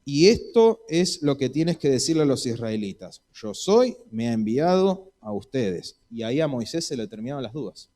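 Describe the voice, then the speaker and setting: A man's voice: medium pitch, very animated, normal speed, few pauses, mellow. A man with an Argentine Spanish accent preaching a sermon in a church, acting out Bible dialogue in voices.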